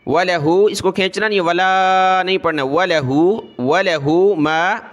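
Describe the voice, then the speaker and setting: Male recitation tutor, high and bright, very slow drawn-out chanting between quick explanations. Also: muffled recording. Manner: drawn-out melodic recitation alternating with quick spoken instructions. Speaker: Quran recitation teacher.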